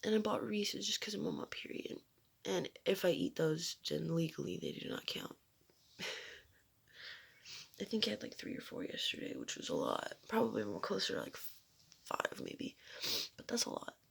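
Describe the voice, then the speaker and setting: A young woman talks to camera from her room at home, rambling and giggling as she goes. Her voice has a gravelly fry and a husky, breathy edge. She often drops into a near-whisper mid-thought. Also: on the low side, very animated, moderate pace, long pauses. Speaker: vlogger. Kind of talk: casual chat to camera.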